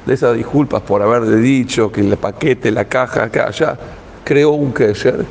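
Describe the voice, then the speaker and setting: A man's voice: mid-range voice, moderate pace, gravelly, darkish tone, in a large hall, a little hiss or hum, low-quality recording. A man with an Argentine Spanish accent, a rabbi giving a Torah talk and telling a story, acting out the dialogue in quoted voices.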